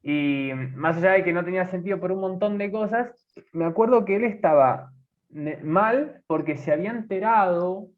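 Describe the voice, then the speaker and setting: Young Argentine man, tinny phone-like sound. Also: high voice. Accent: Argentine Spanish. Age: 20s. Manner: halting, many fillers and restarts. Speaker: podcast co-host. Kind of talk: casual conversation.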